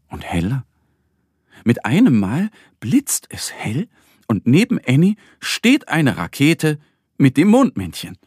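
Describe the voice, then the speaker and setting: A man narrating a children's story in a slow, gentle, expressive bedtime-reading manner. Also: medium pitch, slightly rough, no room sound, clean studio sound.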